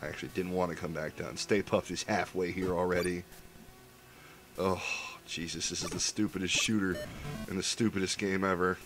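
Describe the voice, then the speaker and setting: A man in his thirties giving sarcastic, profane game commentary with a sick, rough voice. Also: low-pitched, little pitch movement, moderate pace, over music. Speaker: let's play commentator. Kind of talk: gameplay commentary.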